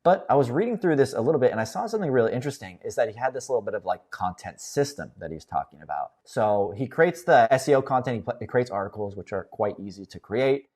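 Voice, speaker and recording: A young man hosting a casual screen-share tutorial, explaining each step in an upbeat, relaxed way. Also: mid-range voice, fast, few pauses. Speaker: host.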